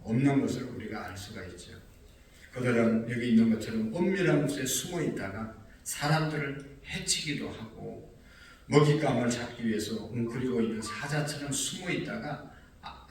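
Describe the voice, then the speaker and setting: A man with a mid-range voice preaches an early-morning sermon as pastor in a church sanctuary, earnest and rising in emphasis whenever he quotes scripture. The mic is distant and echoey, picking up faint ambience and slight background noise.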